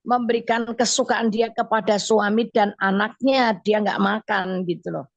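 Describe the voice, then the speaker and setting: A woman evangelist, teaching from the Bible on a radio show and telling stories with deliberate emphasis. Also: mid-range voice, fairly even intonation, dry recording, muffled recording. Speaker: evangelist guest speaker. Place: radio studio.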